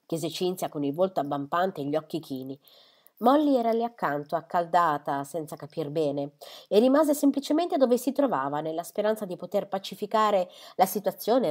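A woman reading a classic novel aloud as narrator, in measured, expressive narration. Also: on the low side. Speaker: reader, narrator.

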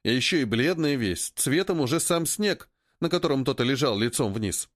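A man reading an audiobook with dramatic narration, slowing down on emphasized phrases. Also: medium pitch, animated, no room sound, clean studio sound. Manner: slows down for drawn-out dramatic phrases. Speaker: audiobook reader.

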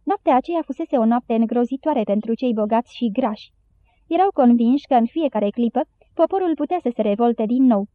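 A woman reading a children's novel aloud as an audiobook narrator, steady storytelling. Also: fairly high pitch. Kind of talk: scripted narration. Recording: dry, tinny phone-like sound.

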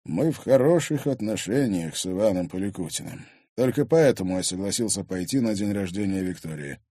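A man reading an audiobook, voicing a calm, reserved husband and father who speaks evenly and coolly. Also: low-pitched, brisk, dry recording, studio quality. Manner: unruffled, cool, even.

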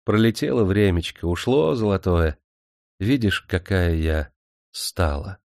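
A man voicing a blind young Roma woman, tender and sorrowful, speaking softly and plaintively. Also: deep voice, unhurried, no echo, clean studio sound. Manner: soft, plaintive.

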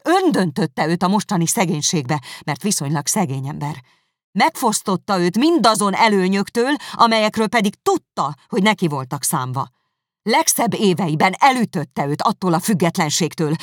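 An audiobook narrator voicing an indignant, sharp-tongued young woman who accuses emphatically and heatedly. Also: mid-range voice, lively intonation, no echo, studio quality, pitched above the performer's own voice. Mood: furious. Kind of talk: audiobook character reading.

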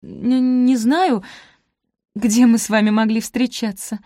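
A woman's voice: a little high, normal speed, dark tone, no echo, clean studio sound, pitched above the performer's own voice, natural voice. A woman reading the part of a shy young maid who answers hesitantly and reluctantly. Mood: flustered.

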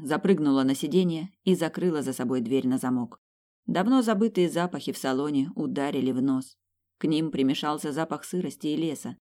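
A woman's voice: low voice, mellow. A woman narrating a novel in the first person, with an emotive delivery that rises on exclamations and quoted lines. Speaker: audiobook narrator.

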